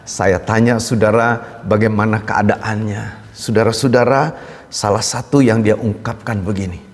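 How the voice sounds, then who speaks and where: A man's voice: lowish voice, fairly even intonation, a little slow. A male pastor preaching a sermon in a church, emphatic and often turning to address his listeners directly. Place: church hall. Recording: long reverb of a large hall.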